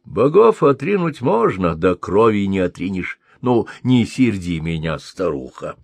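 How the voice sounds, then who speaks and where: A stern old sage grumbles and scolds, voiced by a man reading aloud. He speaks slowly in a lowish voice, weighty and impatient. The sound is close and dry, with no room around it. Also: sing-song, creaky, no room sound, full character voice. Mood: scolding.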